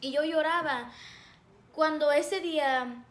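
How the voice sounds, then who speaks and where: A young woman giving a personal faith testimony, earnest and halting, often pausing on fillers. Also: sits high. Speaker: devotional speaker. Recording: echoey room.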